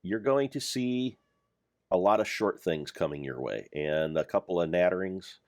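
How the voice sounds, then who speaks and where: A man's voice: sits low, lively intonation, moderate pace, darkish tone, no room sound, studio quality. An older man giving rambling, self-deprecating commentary over his gameplay of a Minecraft mod pack. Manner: meandering, self-deprecating, jokey.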